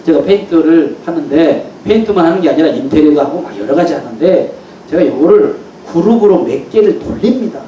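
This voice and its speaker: A man's voice: fairly high pitch, lively intonation, brisk, few pauses, dark tone, dull audio, a little hiss or hum, lightly acted. A male pastor voicing an earnest, grateful older businessman in a sermon story. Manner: earnest, polite. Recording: echoey hall, mic far off.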